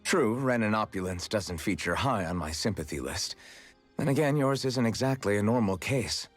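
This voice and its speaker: An actor playing an earnest young male freedom fighter and former slave in a game, speaking frankly with a husky voice. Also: on the low side, expressive, moderate pace, faint music behind. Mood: reflective. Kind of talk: game character dialogue.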